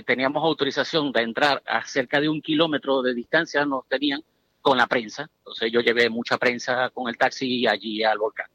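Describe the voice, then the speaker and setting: A man's voice: medium pitch, sharp tone, low-quality recording. A middle-aged man from Venezuela, telling his story as a guest in a casual, emphatic interview chat.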